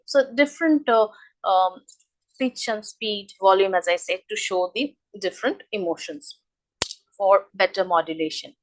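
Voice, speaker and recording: An English speaking coach delivers an instructional lesson in a mid-range voice, captured on poor audio. She stresses important terms and explains things in a hesitant, show-and-tell manner.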